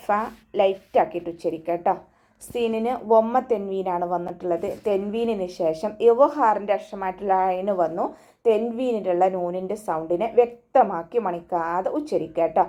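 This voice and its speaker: A woman with a Malayali accent leads an online recitation class. She explains each rule in a patient, even tone, then breaks into slow, drawn-out chanting of the verses. Her voice sits at a middle pitch. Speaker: Quran recitation teacher. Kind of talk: tajweed lesson with chanted recitation.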